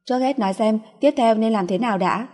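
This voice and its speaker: Woman reading impatient young woman, sharp-tongued, higher, breathy, long reverb. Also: fast talker, lightly acted. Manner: impatient, correcting others.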